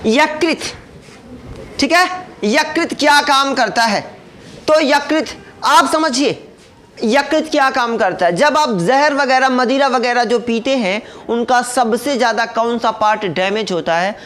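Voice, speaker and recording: A man's voice: extremely high pitch, unhurried, a bit bright. A man gives an informal lesson. He keeps checking with his listeners through rhetorical questions and tosses in jokes, in a chatty, down-to-earth tone. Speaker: teacher. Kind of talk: informal classroom lecture.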